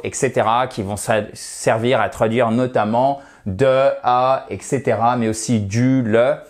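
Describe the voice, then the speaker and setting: A man teaching English in an online video lesson, explaining patiently step by step and addressing viewers as dear friends. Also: medium pitch.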